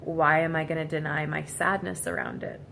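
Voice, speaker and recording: A woman gives a reflective personal vlog monologue, speaking casually and haltingly in an earnest, emotionally vulnerable way. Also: low voice, steady tone. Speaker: vlogger. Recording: clearly noisy amateur recording.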